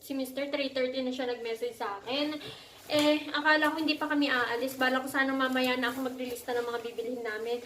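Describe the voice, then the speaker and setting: A woman from the Philippines talks in a chatty, casual vlog voice that sits high. She sometimes coaxes a child in a gentle mommy tone. The room sounds echoey, with faint background noise. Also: steady tone, quick pace. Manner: chatty, switching to a coaxing mommy tone with her child. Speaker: vlogger and mother. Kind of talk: casual home vlog chat. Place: indoors at home, bedroom.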